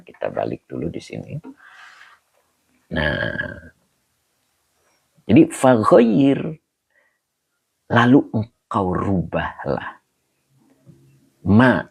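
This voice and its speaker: A man teaching Arabic grammar in an online study session, relaxed and chuckling often, drawing out Arabic slowly. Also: sits low, vocal fry, husky, no echo. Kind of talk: online livestream lesson, reading comments.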